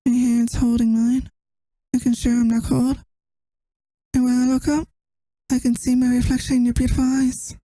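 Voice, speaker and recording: Woman acting as affectionate tired girlfriend, ASMR role-play, very mellow, gently even intonation, tender, intimate, close-miked. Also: a little high, dry recording, low-quality recording. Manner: tender, intimate, soft-spoken. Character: tired, affectionate young girlfriend missing her partner.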